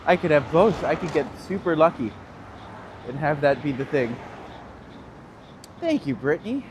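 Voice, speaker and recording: Walking a city street while livestreaming as a tour guide, a thirties-aged man with a Northern Ontario accent answers viewers in casual, laughing chat. His voice is a little high and very animated at a normal speed, with faint traffic in the background.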